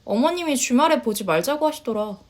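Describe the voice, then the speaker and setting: A woman voicing a polite, soft-spoken young wife who talks quietly and hesitantly in a story reading. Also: high-pitched, animated, fairly quick. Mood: gentle. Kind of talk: storytelling voice acting.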